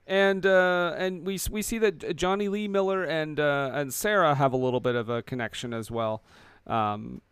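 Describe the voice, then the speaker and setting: A man's voice: a little high, measured pace, pauses often, a bit bright, clear, resonant tone, no echo. A man casually recapping a movie on a podcast, joking and acting out the characters' lines. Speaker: podcast host. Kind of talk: casual movie-review chat.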